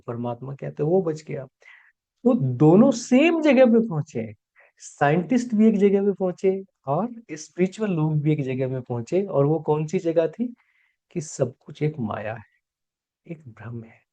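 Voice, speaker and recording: Middle-aged guy lecturing on spirituality, gravelly and mellow, kinda muffled lo-fi audio. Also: on the high side. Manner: explanatory, mixes English terms into Hindi. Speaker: course teacher. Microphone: online class mic.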